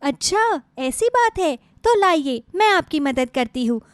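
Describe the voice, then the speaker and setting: A woman's voice: sits high, expressive, a little slow, no room sound, clean studio sound. A woman voicing a distraught young bride in a storybook tale, speaking in a tearful, pleading manner. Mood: eager.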